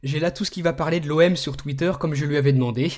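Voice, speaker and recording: A man hosting a tech video, explaining a phone's features in a relaxed way and speaking commands to it. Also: a little high, fast talker. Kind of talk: screen demo tutorial.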